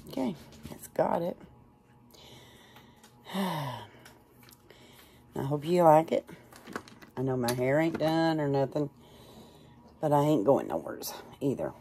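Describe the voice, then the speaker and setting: Woman talking thru her makeup, slow and mellow, half whispering, folksy. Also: low-pitched, big pitch swings, slight background noise. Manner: soft-spoken, often drops into a whisper. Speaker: makeup vlogger. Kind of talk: casual makeup tutorial chat.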